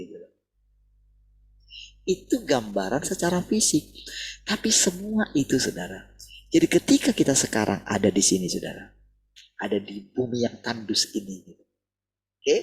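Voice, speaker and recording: A man's voice: medium pitch, lively intonation, normal speed, pauses often, breathy edge, poor audio. A man preaching a sermon in a conversational way, often turning to address his listeners directly.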